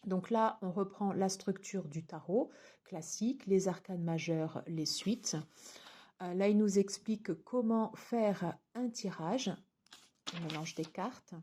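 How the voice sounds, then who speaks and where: A woman talks through a tarot deck and its guidebook in a relaxed, chatty way. Her voice is warm and mellow at a middle pitch. She often stops, restarts and fills gaps as she goes. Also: takes it slowly, husky. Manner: chatty, many fillers and restarts. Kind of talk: casual unboxing review.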